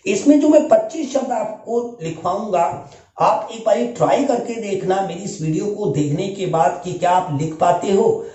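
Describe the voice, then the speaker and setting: A man teaching English spelling in Hindi, breaking each word into sound parts and repeating them slowly. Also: high-pitched, dark tone, echoey room, rough recording. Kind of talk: spoken lesson.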